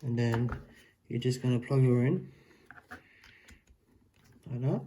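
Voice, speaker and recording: Male vlogger, slow delivery, warm low-key tone, hands-on how-to talk. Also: a little hiss or hum. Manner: talks through each step while handling the device. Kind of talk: casual how-to demonstration.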